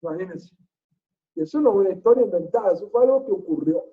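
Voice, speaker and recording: Sermon storytelling, Torah teacher, animated, rhythmic repetition, tinny phone-like audio. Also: mid-range voice, quick pace. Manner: animated storyteller who repeats phrases rhythmically.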